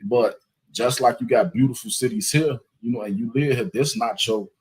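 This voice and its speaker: Breathy guy cohosting, fired up, keeps saying you know what i'm saying. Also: mid-range voice, normal speed, a little mellow, rough recording. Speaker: podcast co-host. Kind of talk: heated religious commentary.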